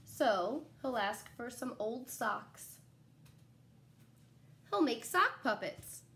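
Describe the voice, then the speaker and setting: Lively, higher-voiced young woman reading aloud. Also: a little hiss or hum. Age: young adult. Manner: animated, pausing to ask young listeners questions. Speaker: teacher reading a picture book to children. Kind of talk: expressive children's storybook read-aloud with asides to listeners. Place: small living room at home, indoors. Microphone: phone camera a short distance away.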